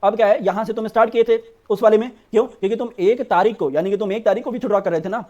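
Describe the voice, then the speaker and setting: A man's voice: high-pitched, steady tone, very fast, darkish tone, lo-fi sound. A man teaching an accounts lesson for board exams, coaxing students like a brother and repeating "theek hai" often. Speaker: commerce teacher. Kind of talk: online board-exam lesson.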